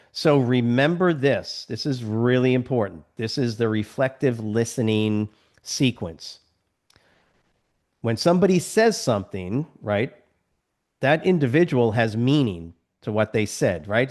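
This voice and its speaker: A man teaches a class over a video call and keeps checking that everyone follows. He often acts out short little scenes. His pitch jumps around a lot. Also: a little mellow. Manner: acts out little scenes with other people's voices. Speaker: instructor. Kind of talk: live online lecture.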